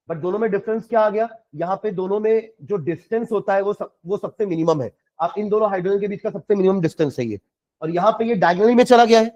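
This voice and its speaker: A man teaching a chemistry class, explaining patiently, asking his students questions and dictating notes slowly with repetition. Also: high voice, warm tone, highs cut off.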